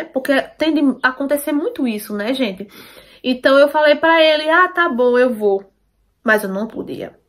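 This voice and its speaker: High-voiced woman telling her story. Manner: emphatic, repeats herself, asks listeners for agreement. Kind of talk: personal storytelling to viewers.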